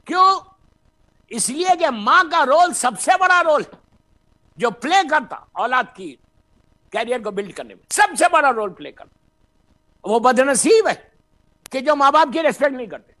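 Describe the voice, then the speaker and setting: A man preaches, his voice pitched very high and sharply bright. He delivers an impassioned sermon, slipping in English phrases and rising into loud shouted bursts. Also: expressive, pauses often. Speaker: Shia cleric giving a majlis sermon.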